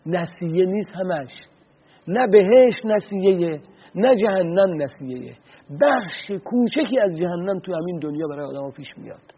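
Husky, slightly high-voiced man, radio religious speaker, tinny phone-like sound. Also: lively intonation. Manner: earnest storytelling, quoting and explaining Arabic sayings.

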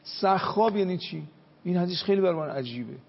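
A man's voice: sits high, lively intonation, gravelly, long reverb tail, lo-fi sound. A man, a cleric, giving a religious talk, telling stories and chanting Arabic quotations. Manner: preaching with Arabic hadith quotes, storytelling.

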